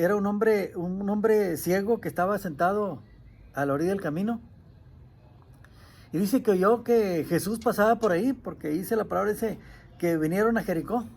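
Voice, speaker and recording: Male pastor, sermon, husky voice, earnest preaching. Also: high voice, darkish tone. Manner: earnest preaching, cries out quoted pleas.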